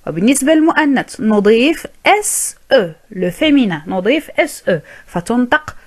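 A woman teaching a French lesson, saying each word slowly and repeating it several times for learners. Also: on the high side, expressive. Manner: drills each word with careful, drawn-out repetition. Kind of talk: slow, repetitive language lesson.

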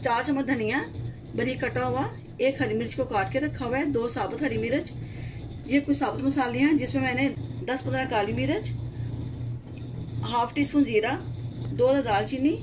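A woman with a fairly high voice talks a home cook through a recipe, one steady step at a time. Her delivery is calm and unhurried, with short blessings dropped between the steps. Clear background noise sits under her voice. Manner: calm, steady instructions with frequent religious blessings. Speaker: cooking channel host. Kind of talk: step-by-step cooking voice-over. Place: home kitchen.

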